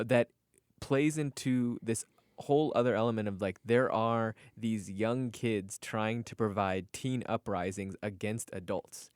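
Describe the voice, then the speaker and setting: A man's voice: mid-range voice, darkish tone, clean tone, no room sound, clean studio sound. A man co-hosting a comic book podcast, chatting loosely with lots of laughs and swearing. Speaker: podcast co-host. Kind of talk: casual chat.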